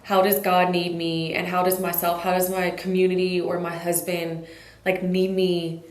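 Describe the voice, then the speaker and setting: A young married woman, a podcast guest talking in a halting, reflective way. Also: lowish voice, level tone, echoey room. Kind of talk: casual chat.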